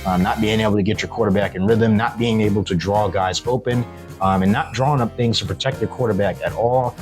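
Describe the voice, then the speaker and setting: A man's voice: on the low side, steady tone, a little fast, a little mellow. Blunt male sports recap host, music behind. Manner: blunt, critical. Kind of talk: solo sports recap commentary.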